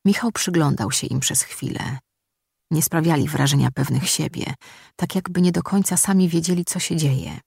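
An audiobook narrator reading a story in a steady, measured way. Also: mid-range voice, gravelly, husky, dry recording, clean studio sound. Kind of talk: scripted narration.

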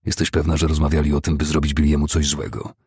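Brief: worried young man, sharp and urgent, male audiobook reader, deep and dry. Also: completely flat delivery, fast talker, husky, no room sound, exaggerated voice. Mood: anxious.

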